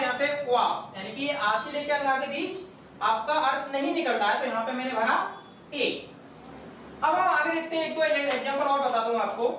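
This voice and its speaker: A male teacher giving a patient, step-by-step lecture and repeating each point slowly. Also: very high-pitched, fairly bright tone. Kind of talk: classroom lecture. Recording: very echoey room, far from the mic, faint noise.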